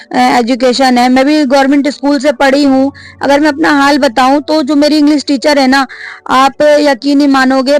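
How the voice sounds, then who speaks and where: A woman's voice: on the high side, darkish tone, dry recording. A woman in her thirties, a vlogger and mother, chatting casually to camera, many fillers, and a complaining tone.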